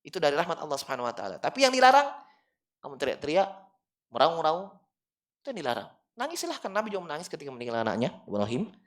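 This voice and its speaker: A man giving an Islamic study lecture in a prayer room. He drops to low asides, then bursts into loud, emphatic lines, and often checks whether his listeners follow. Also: big pitch swings, very fast. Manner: checks with listeners by asking "clear?". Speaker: religious teacher. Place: prayer room in an office building.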